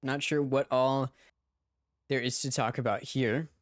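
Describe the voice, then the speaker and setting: A man's voice: mid-range voice, fairly even intonation, unhurried, dry recording, studio quality. A man streaming a watch party, giving casual play-by-play commentary on an esports match and talking straight to his chat.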